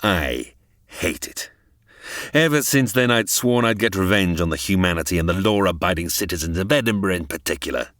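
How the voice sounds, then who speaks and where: An actor playing a bitter, gloating villainous professor bent on revenge, theatrical and condescending, in an old-time radio melodrama parody. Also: male voice, deep voice, expressive, moderate pace, a bit bright, no room sound, clean studio sound. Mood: bitter, vengeful.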